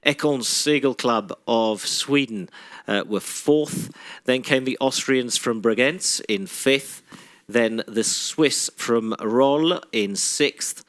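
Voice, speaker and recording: Man, sailing commentator, live sports commentary, steady informative delivery, frequent fillers. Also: medium pitch, slow pace.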